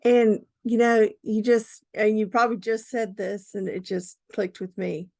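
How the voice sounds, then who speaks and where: A woman's voice: mid-range voice, steady tone, unhurried, mellow. A woman hosting an interview, eager and affirming, often chiming in with short agreements. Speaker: podcast host. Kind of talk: conversational interview.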